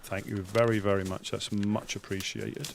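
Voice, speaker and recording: A man with a Suffolk accent chatting casually on a live game stream, rambling and hesitant, often halting mid-sentence. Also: lowish voice, little pitch movement, gravelly, a little hiss or hum. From Suffolk, England.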